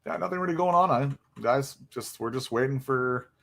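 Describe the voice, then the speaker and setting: A man's voice: mid-range voice, moderate pace, creaky, fairly bright tone. A young man hosting a casual hockey livestream, chatty and rambling with lots of fillers, tired and yawning from little sleep. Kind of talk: casual live stream chat.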